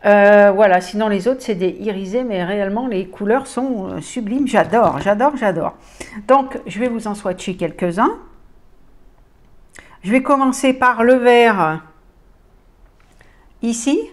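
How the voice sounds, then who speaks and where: A woman's voice: medium pitch, measured pace, pauses often. A woman casually showing makeup palettes on her channel, hesitant with many fillers and enthusiastic about the colors. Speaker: beauty vlogger. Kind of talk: casual product haul chat.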